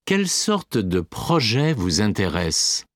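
Polite interviewer voiced by a man, slow, lively rising questions, dry close sound. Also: lowish voice, no room sound, heavily acted. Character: adult male interviewer, polite and curious. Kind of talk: scripted exam listening dialogue.

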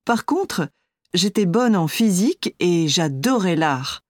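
A woman playing an architect in a scripted listening-exam interview, speaking clearly and steadily. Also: on the low side, animated, slow, no room sound, studio quality. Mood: calm. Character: adult woman architect, friendly and composed.

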